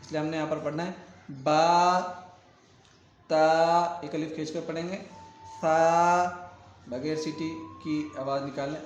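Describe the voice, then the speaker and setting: A man's voice: fairly high pitch, flat delivery, few pauses, darkish tone, echoey room, muffled recording, soft background music. A man teaching Quran reading in a recorded lesson, patiently repeating letter names and checking in with learners. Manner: stretches letter sounds long when reciting.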